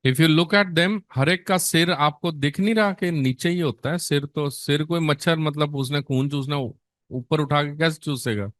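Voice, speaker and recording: Hindi-English nursing teacher, close dry mic. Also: male voice, a little high, a bit bright, no echo. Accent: Indian. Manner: mixes Hindi and English, quizzes students with rhetorical questions; drags out key terms slowly for emphasis. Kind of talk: online exam-prep lecture.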